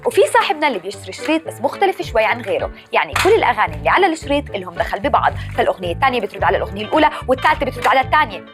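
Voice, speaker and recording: A woman with a Levantine Arabic accent tells things like a playful folk tale, her high voice swinging in lively melody. She leans on rhyming phrases as a podcast host reading a script, with music running behind her. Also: rapid-fire, hardly any pauses.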